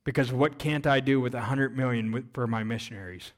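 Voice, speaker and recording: A man voicing God, quiet and commanding. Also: mid-range voice, steady tone, a little fast, voice pushed down, lightly acted. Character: God, calm commanding male voice.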